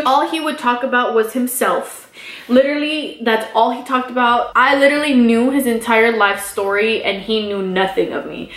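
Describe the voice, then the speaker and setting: A woman's voice: a little high, fairly bright tone. A young woman telling a dating story as a casual vlog while eating, chatty and profane with lots of fillers. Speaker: vlogger. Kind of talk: casual storytelling over a mukbang. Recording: echoey room.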